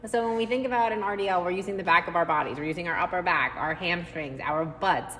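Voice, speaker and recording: A woman's voice: quick pace, pushed and bright. A woman who coaches fitness, co-hosting a casual podcast recorded in a gym. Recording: echoing gym, long reverb, faint rumbling noise.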